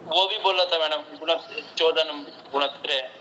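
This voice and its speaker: A man student reciting a list in an online class, slow and careful, politely insisting he said everything. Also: a little high, lo-fi sound, a crowd in the background.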